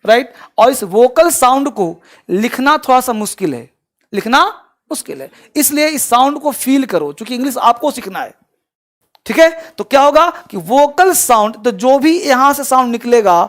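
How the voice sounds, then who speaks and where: A man's voice: very high voice, animated, moderate pace. A man teaching an online English class in Hindi, asking his students questions and answering them himself. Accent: Bhojpuri-region Hindi.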